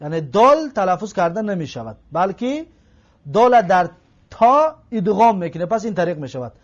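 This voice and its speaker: A man's voice: high voice, very animated. A man teaching an Arabic grammar lesson, repeating each phrase and translating it word by word. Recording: slightly dull lo-fi recording.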